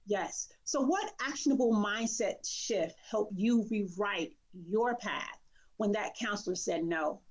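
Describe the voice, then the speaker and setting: A woman's voice: medium pitch, measured pace. A woman hosting an interview, casual and affirming, often checking in with "right?". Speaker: interview host. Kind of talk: conversational interview.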